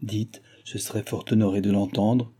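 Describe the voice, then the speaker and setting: A man's voice: on the low side, little pitch movement, moderate pace, mellow, slightly rough. A man voicing a stiff, guarded old noblewoman who complains of her misfortune.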